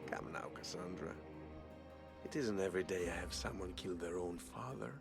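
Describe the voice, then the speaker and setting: An actor playing a smug, theatrical, sinister villain in a video game, with a mocking, unhinged drawl. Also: male voice, low-pitched, normal speed, vocal fry, over music. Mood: smug, taunting.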